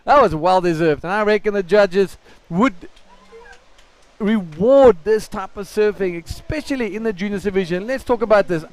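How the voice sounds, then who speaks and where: A man giving excited, colloquial live surf commentary, exclaiming and repeating phrases for emphasis. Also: high voice, moderate pace.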